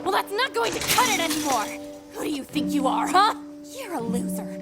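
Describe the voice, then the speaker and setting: A woman's voice: very high-pitched, sing-song, normal speed, full character voice. A woman playing a mean-spirited, confused teenage schoolgirl in an anime dub, passive-aggressive and taunting, with music behind her. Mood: scornful, angry. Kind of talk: English anime film dub.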